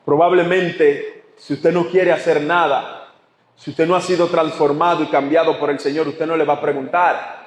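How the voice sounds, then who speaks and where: Guy preaching in a big church, high voice, lots of hall echo, asks the crowd questions. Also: level tone, normal speed. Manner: emphatic, rhetorical questions to the congregation. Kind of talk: sermon. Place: church sanctuary.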